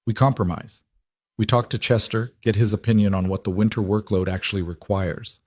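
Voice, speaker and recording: A man voicing a warm-hearted young ranch cook woman, speaking earnestly and firmly. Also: on the low side, steady tone, a little fast, no room sound, close to an everyday voice.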